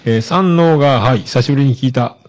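A man hosting a podcast, chatting casually as he reads out listener messages with many relaxed fillers. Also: mid-range voice, brisk. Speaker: podcast host.

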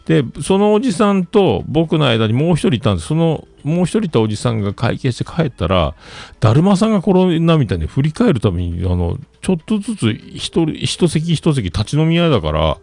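A man's voice: fairly high pitch, big pitch swings, a little fast, gravelly, a little mellow, dry recording. A man telling a rambling story in casual chat, with many fillers and asides.

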